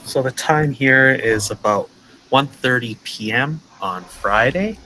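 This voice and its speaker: A man from the teaching a beginner English class over a video call, patient and clear, with a friendly welcoming manner. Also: medium pitch, slow, sharp tone, a little hiss or hum, low-quality recording. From United States, Minnesota. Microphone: video call headset or webcam mic.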